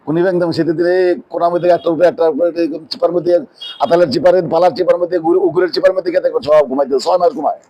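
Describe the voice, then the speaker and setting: A man preaching a sermon in a mosque. He asks rhetorical questions and answers them himself, and drops his voice low on key words. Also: fairly even intonation, racing, muffled recording. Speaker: Islamic preacher.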